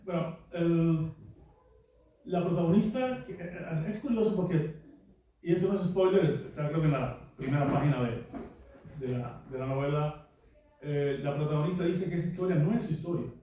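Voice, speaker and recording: Man, novelist at book launch, relaxed storytelling, fillers, mellow, heavy room echo. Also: on the high side, normal speed. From Cuba. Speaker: novelist presenting his book. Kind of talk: anecdotal talk at a book launch. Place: book presentation venue, large room. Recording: very echoey room, mic far off.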